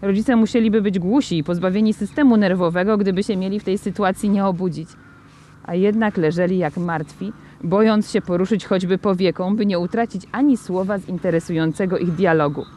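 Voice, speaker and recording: A woman reading a children's novel aloud with lively, expressive storytelling. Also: mid-range voice, fairly quick, slight background noise. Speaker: reader.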